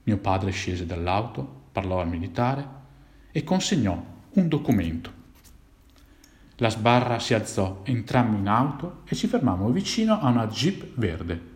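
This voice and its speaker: A man tells a story from his own past, his voice swinging widely in pitch as he builds the tension. His voice carries a noticeable roomy echo. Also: measured pace. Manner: dramatic, animated telling with rises for tense moments. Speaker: narrator. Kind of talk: first-person storytelling of a childhood memory.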